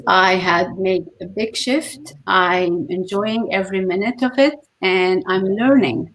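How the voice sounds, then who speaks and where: Lady in her 40s, slow and unhurried, lots of ums, video call talk show host. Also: medium pitch, creaky. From Lebanon. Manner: unhurried, many filler pauses. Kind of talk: casual talk show self-introduction.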